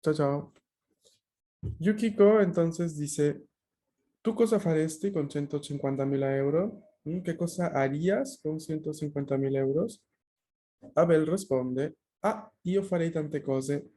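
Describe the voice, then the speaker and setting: A man teaches an online language class, talking through pronunciation points patiently and often pausing on fillers. His voice is mellow and a little high for a man, heard over a video call. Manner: patient, explanatory, frequent fillers.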